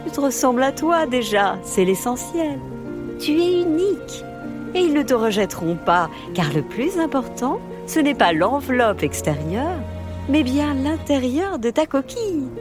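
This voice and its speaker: A woman voicing a gentle mother hermit crab in a children's story, soft and enveloping. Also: high voice, big pitch swings, measured pace, music in the background, pitched above the performer's own voice. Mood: tender.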